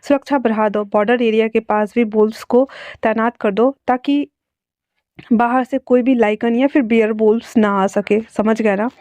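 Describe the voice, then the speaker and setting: A woman's voice: a little high, steady tone, normal speed, darkish tone, dry recording, close to an everyday voice. Woman reading as a commanding pack elder. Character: older male pack leader, calm and commanding. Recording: dull lo-fi dry recording.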